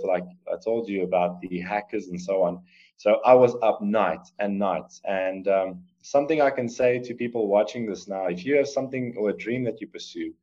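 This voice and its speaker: On a video call from home, a South African guest in his 30s, an artist and coder, responds to casual interview questions in an Afrikaans accent. He has a low, dark male voice and rambles in an earnest way, with many fillers and false starts. Heard through a laptop or webcam mic, the line comes across dull.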